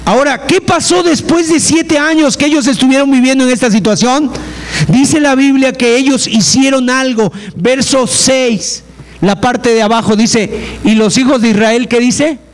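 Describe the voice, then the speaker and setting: Very high-voiced preacher. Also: male voice, measured pace. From Mexico. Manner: emphatic, with many rhetorical questions to the listeners. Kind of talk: sermon.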